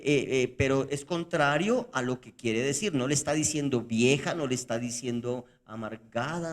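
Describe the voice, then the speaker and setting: Emphatic man explaining, higher-pitched. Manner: emphatic, explanatory, acts out quoted lines. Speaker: podcast co-host.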